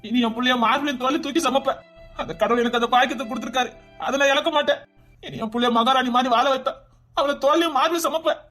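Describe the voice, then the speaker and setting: A man's voice: extremely high pitch, steady tone, very fast, bright, forceful tone, soft background music. An actor in a TV serial playing a devoted middle-aged father who makes fervent, tearful declarations of love for his daughter. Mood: joyfully tearful. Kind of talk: emotional TV serial acting.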